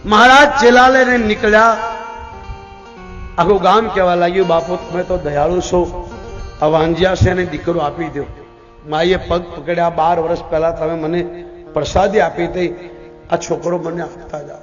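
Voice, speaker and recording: A man's voice: sits high, steady tone, normal speed, long pauses, fairly bright tone, faint music behind. A Gujarati-accented man giving a devotional discourse, telling stories dramatically and acting out the characters' lines. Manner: dramatic, voicing characters in the story. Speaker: religious storyteller. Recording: dull recording in a reverberant hall.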